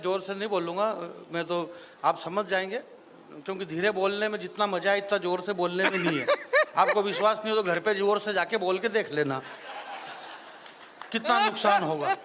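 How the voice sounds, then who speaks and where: A man's voice: sits high, normal speed, a crowd in the background. A man from the Marwari region performing as a comic poet on a live stage, joking with the audience and rising into declaimed verse. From Marwari region of Rajasthan. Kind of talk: stage comedy poetry recitation.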